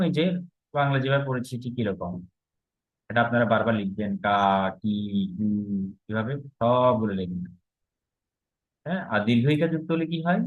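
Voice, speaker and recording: A man teaching a grammar lesson, explaining step by step and asking the class rhetorical questions. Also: mid-range voice. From Bangladesh. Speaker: Sanskrit teacher. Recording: slightly dull, lo-fi recording.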